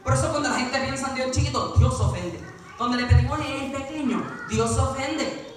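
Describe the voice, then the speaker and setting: High-voiced fervent preacher man. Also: brisk, background noise. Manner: fervent, repeats praise refrains between points. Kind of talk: sermon at a youth vigil. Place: church sanctuary. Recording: very echoey church from far off, congregation audible.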